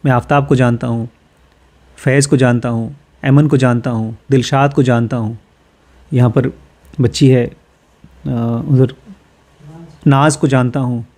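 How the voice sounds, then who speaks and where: Mellow-voiced man from Uttar Pradesh explaining a book. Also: mid-range voice, fairly even intonation, unhurried, long pauses. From Uttar Pradesh, India. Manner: reads English passages, then explains them in plain conversational terms; uses everyday personal examples to explain. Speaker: course teacher. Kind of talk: explaining a self-help book.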